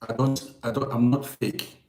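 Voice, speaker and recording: The voice is mid-range, gravelly and a little mellow, delivered flatly and a touch slowly. It belongs to a 58-year-old man from Vienna telling stories on a casual livestream, pressing his points on viewers by repeating himself insistently. The room echoes.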